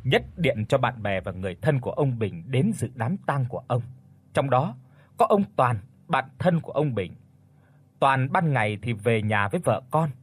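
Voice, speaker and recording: Expressive male horror narrator. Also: medium pitch, husky. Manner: dramatic, expressive storytelling.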